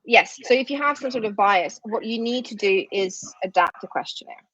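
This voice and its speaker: This workshop presenter, a woman whose first language is Russian, lectures academically on a video call at normal speed, her mid-range voice animated, fairly bright and husky. She keeps things conversational with frequent "right?" check-ins, and though there's no room sound, the computer mic yields dull, lo-fi conference audio.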